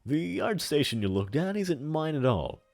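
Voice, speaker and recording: A man's voice: a little high, big pitch swings, normal speed, vocal fry, darkish tone, voice pushed up. Man putting on a hammy, pompous older hard man. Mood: pleading, melodramatic. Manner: hammy stage-actor delivery with grandiose emphasis. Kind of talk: hammy theatrical dramatic reading.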